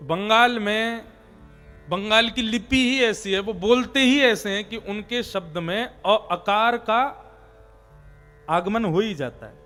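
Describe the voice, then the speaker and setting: A male preacher delivers a devotional sermon, explaining each point with firm emphasis. His voice sits high for a man. Faint devotional music plays under his talk. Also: slow pace, bright, forceful tone.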